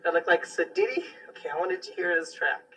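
A man's voice: high-pitched, very animated, brisk, pushed and bright, breathy edge, distant mic, low-quality recording. A young man casually introducing his mixtape tracks, joking and boasting, getting over a sickness. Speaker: amateur rapper presenting his mixtape.

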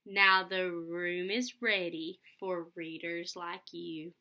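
Speaking slowly in a fairly low, pushed and bright voice with fairly even intonation, a young adult woman reads a picture book to children. She explains things simply and puts questions to her young listeners. The recording comes from a webcam at roughly arm's length in a small, furnished room at home.

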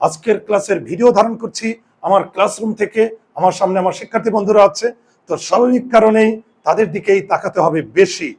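With students around him, a man teaching Bengali grammar explains spelling step by step and responds to his own questions. His voice is high, with a breathy edge.

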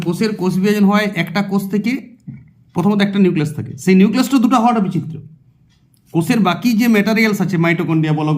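High-voiced, fast-talking male teacher. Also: a little mellow. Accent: West Bengal Bengali. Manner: explains by asking and answering his own questions; repeats terms while writing on a board. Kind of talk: exam-prep biology lesson.

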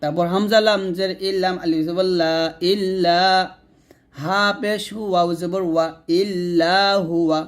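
A Quran teacher with a Bangladeshi Bengali accent and a fairly high voice gives a slow, spelled-out recitation lesson. He splits each word into letters and vowel marks, stretches the sounds syllable by syllable, and has the listener repeat them. His tone is steady and his pace a little fast.

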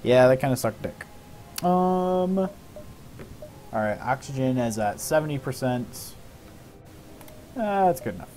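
A man's voice: mid-range voice, animated, measured pace, long pauses, a little mellow. A young man giving casual, sweary live commentary as he streams a game, often muttering to himself. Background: video game music.

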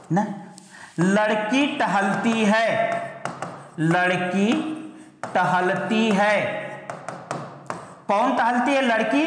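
A male teacher giving an online grammar lesson. He fires repeated questions at his students, calls them "beta", and slows right down to spell out each example sentence. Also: sits high, a bit bright, a little hiss or hum. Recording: very echoey room with long reverb.

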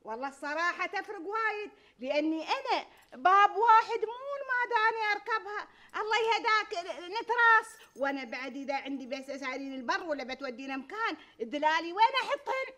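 A woman's voice: very high voice, lively intonation, quick pace, bright, forceful tone. A woman playing a nagging wife in a sitcom. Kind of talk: sitcom acting.

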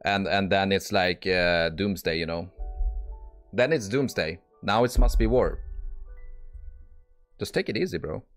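Male poker streamer, lowish voice, talking through hands live; blunt, exasperated, curses freely, restarts sentences. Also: a little slow, long pauses, faint music behind. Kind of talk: live-stream commentary while playing online poker.

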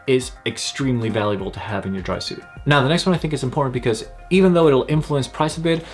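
Young man, friendly explainer, vlog talk, mid-pitched voice, faint music behind. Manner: friendly, explanatory, gestures while talking. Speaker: kayaking channel host. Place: small indoor gear room with shelves.

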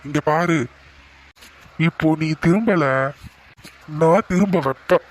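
A man's voice: on the high side, takes it slowly. A man playing a teasing young cartoon husband. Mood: coaxing. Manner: teasing, coaxing. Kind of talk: animated cartoon voice acting.

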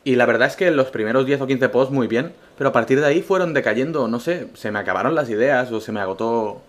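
A man's voice: medium pitch, lively intonation, quick pace. A man from Spain, a gaming YouTuber, answering viewer questions in a casual vlog with absurd jokes and a Spanish accent. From Castellón, Spain. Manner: joking, absurd humor, swings between loud bursts and mumbled asides.

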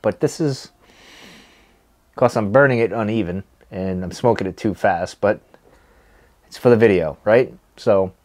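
A man's voice: lowish voice, unhurried, pauses often, a little mellow. A man in his thirties chatting casually to the camera as he reviews tobacco, laid-back and hesitant, trailing off between puffs on a cigar. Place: small wood-paneled room, indoors.

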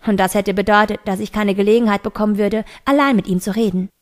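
A woman reading a novel aloud in steady first-person storytelling. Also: medium pitch, fast. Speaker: audiobook reader.

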